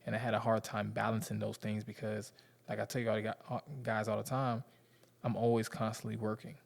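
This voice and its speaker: A man's voice: fairly low pitch, monotone, a little fast, vocal fry. A man in his thirties with a Southern US accent, talking candidly and rambling to his viewers in slangy casual speech. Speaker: vlogger.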